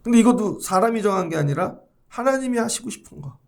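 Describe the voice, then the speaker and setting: A man's voice: sits high, animated, fast talker, creaky. A male pastor giving an early-morning sermon in a conversational way, acting out short bits of dialogue. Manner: conversational preaching with acted-out dialogue. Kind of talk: dawn sermon.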